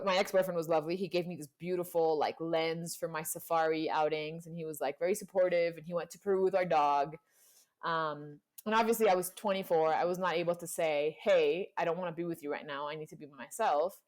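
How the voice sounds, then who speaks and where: A woman's voice: on the low side, brisk, darkish tone. A young woman guest in a casual chat, telling a personal story full of "like" fillers and acted-out quotes. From Panama and Colombia. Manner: storytelling, acts out quoted voices, many "like" fillers.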